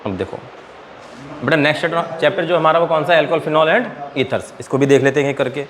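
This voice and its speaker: Man teaching chemistry with quick questions. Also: a little high, fairly bright tone. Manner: quizzes students and answers his own questions; calls students "beta". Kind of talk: classroom lecture.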